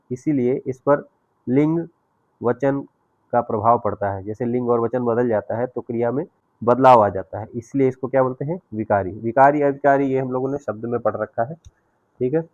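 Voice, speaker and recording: Man, grammar teacher, step-by-step explanations, mid-pitched voice, dry lo-fi recording. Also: darkish tone, dry recording. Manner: explains step by step, often checks with "ठीक है". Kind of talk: grammar lesson explaining with examples.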